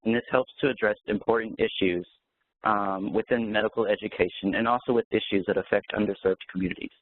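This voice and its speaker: A young man with a lowish voice, speaking quickly through a scripted presentation. The audio is dry and close. It has the thin, narrow sound of a phone line. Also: fairly even intonation, no room sound. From Hawaii, raised in North Carolina. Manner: brisk and scripted. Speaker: medical student presenter. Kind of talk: prepared presentation.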